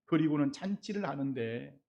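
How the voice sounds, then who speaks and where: A middle-aged man, a pastor, preaching a sermon in a church, acting out quoted voices and swinging between loud and soft. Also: a little high, lively intonation, moderate pace, gravelly, muffled recording. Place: church sanctuary.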